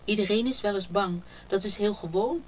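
A woman voicing a kind, warm-hearted male hare who talks high and eagerly in a storybook reading. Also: moderate pace, far from the mic, slight background noise, close to an everyday voice. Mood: reassuring.

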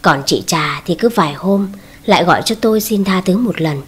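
Husky-voiced woman narrating a story. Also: on the low side, animated, moderate pace.

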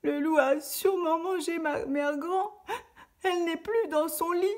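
Woman doing a high little red-hooded girl. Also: animated, darkish tone. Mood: tearful. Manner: high, wide-eyed and slow.

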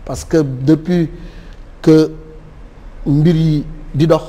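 A middle-aged man, a guest on a TV talk show, speaking in a measured, solemn way and mixing French with Wolof. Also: on the high side, fairly even intonation, warm tone, big-room sound. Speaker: studio guest. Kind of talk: formal tribute speech. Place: TV studio set.

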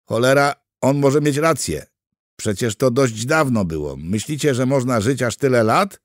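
A flustered, overeager woman interpreter rattles off her garbled translations in a raised, lively voice, performed by a male audiobook reader. It sounds close and dry. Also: mid-range voice, no room sound, voice pushed up, natural voice. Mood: flustered eager. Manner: hurried, raised, eager. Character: flustered female interpreter with shaky school German.

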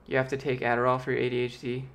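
Racing through his words, a late-twenties man with a light, youthful voice that sometimes squeaks chats casually on a live stream. He's relaxed and rambling, reading viewer questions aloud before answering. He broadcasts from a small home office into a close-placed large studio mic with a pop filter.

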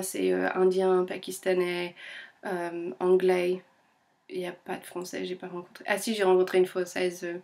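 A young woman chats at an easy pace to her knitting vlog audience, her voice slightly strained. She hesitates often and fills pauses as she tells her story. She keeps a friendly, conversational tone. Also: lowish voice, darkish tone. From France. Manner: chatty, many fillers and hesitations. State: voice a little strained. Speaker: knitting vlogger. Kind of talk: casual chat.

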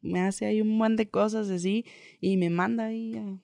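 A woman's voice: mid-range voice, steady tone, moderate pace, creaky, dark tone, dry recording, clean studio sound. A young woman with a Mexican accent, a guest telling her own story in a casual, chatty way, full of slang and filler tags. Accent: Mexican Spanish.

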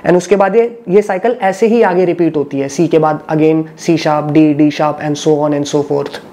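A man's voice: on the high side, fairly even intonation, normal speed, dark tone. A man teaching a guitar lesson, patiently explaining and repeating each step, mixing Hindi with English phrases.

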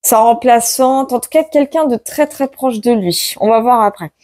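A woman reading tarot cards aloud to her viewers in a casual chat, tagging her sentences with "hein" and bursting into loud exclamations. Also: fairly high pitch, normal speed, dry recording, studio quality. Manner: excitable, exclaims loudly, many "hein" tags. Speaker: tarot card reader. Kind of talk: casual card-reading video.

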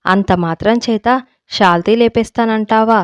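A woman's voice: on the high side, steady tone, normal speed, clear, resonant tone, no echo, close to an everyday voice. A woman voicing a timid, anxious young wife who pleads with her friend in a storybook reading.

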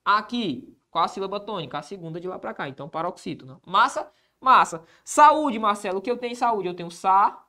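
Upbeat grammar teacher. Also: male voice, sits high, lively intonation, brisk, hardly any pauses, pushed and bright. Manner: asks and answers his own questions, constant "certo?" and "massa" check-ins. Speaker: Portuguese teacher. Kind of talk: exam-prep grammar lesson.

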